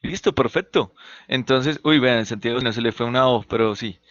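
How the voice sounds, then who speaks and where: A man's voice: medium pitch, moderate pace, fairly bright tone, dry recording, dull audio. A man teaching an online chemistry class, patiently asking his students questions and then answering them himself. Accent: Colombian Spanish. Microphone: computer mic on a video call.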